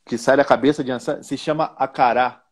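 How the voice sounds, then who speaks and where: A man's voice: medium pitch, steady tone, fairly quick. A Brazilian man hosting a casual chat, asking questions, correcting words and telling a long explanatory story. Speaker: host teaching Portuguese. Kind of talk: casual conversational interview.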